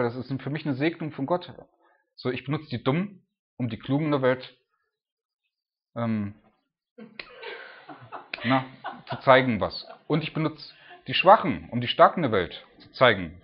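A man's voice: mid-range voice, expressive, moderate pace, long pauses, husky, muffled recording. A man preaching in a loose, chatty way, full of filler words. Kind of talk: casual preaching.

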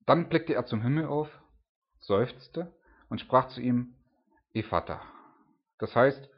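A man's voice: medium pitch, takes it slowly, slightly rough, dull audio. A middle-aged father talking informally through a Bible passage, with lots of filler words. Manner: chatty, many fillers like "ne" and "so". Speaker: Bible teacher.

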